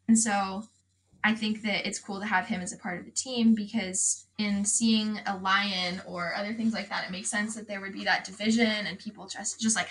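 A woman's voice: mid-range voice, fairly bright tone, poor audio. A woman co-hosting a podcast, thinking aloud in a casual, thoughtful way. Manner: thoughtful, with fillers. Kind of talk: casual discussion.

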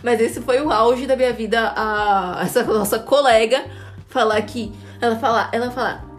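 A woman's voice: on the high side, steady tone, moderate pace, faint music behind. A Brazilian woman co-hosting a casual podcast chat. She tells stories with a lot of laughter and acts out other people's lines. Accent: Brazilian Portuguese. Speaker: podcast co-host.

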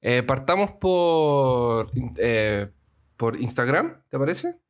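Relaxed man co-hosting a podcast. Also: medium pitch, slow, smooth. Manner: relaxed, jokey, reads listener comments aloud. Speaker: podcast co-host. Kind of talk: casual podcast chat.

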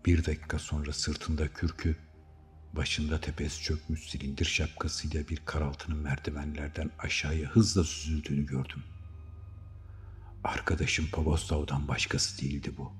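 A man narrating a first-person story for an audiobook in a measured, dramatic way. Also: a bass voice, flat delivery. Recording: long hall reverb.

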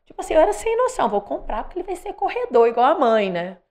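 A woman's voice: high voice, quick pace. A middle-aged Brazilian woman, a guest athlete, telling stories animatedly in a casual interview. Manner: animated, acts out quoted voices.

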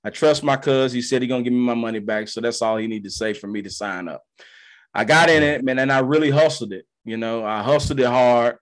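On a podcast, an ex-professional ballplayer spins a casual story with his mid-range male voice, talking a little quickly. He uses easygoing slang and mimics the voices of the characters in his tale, keeping things laid-back.

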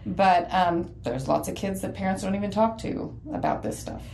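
A woman's voice: mid-range voice, moderate pace, gravelly, a little mellow, slight background noise, poor audio. A woman in her forties, from Texas, co-hosting a podcast in casual chat and talking in a loose way with many fillers and restarts. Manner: conversational, with many fillers and self-corrections. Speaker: podcast co-host.

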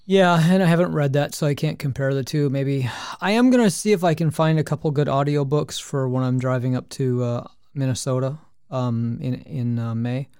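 A man's voice: medium pitch, moderate pace, hardly any pauses, darkish tone, smooth, no echo, clean studio sound. A man co-hosting a podcast, chatting casually, rambling with frequent restarts and hesitations. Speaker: podcast co-host. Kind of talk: casual chat.

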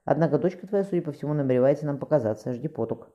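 A woman's voice: deep voice, expressive, rapid-fire, mellow, voice pushed up. A man voicing a soothing, firm motherly midwife. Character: caring middle-aged mother and midwife.

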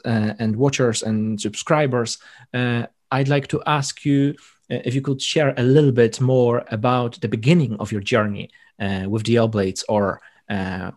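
A man interviewing a priest guest, speaking in a slow, earnest way with frequent fillers. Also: lowish voice, darkish tone. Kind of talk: conversational interview. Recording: faint music in background.

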